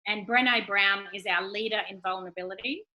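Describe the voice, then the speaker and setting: Bright, lively woman in her forties. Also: mid-range voice, brisk, rough recording. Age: 40s. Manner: animated, frank, acts out quoted exchanges. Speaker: guest speaker. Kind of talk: candid Q&A talk.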